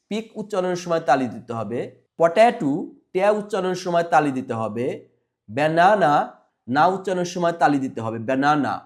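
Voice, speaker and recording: Guy teacher going over word stress, a bit high voice, drags out the english lines. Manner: reads English lines very slowly, explains in Bengali. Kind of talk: textbook lesson reading.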